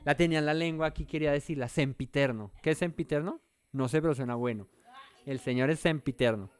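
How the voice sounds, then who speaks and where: A man's voice: fairly high pitch, quick pace, clear, resonant tone. A man leading an interactive Bible study, talking in a conversational way and often asking the listeners questions. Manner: conversational, thinks aloud.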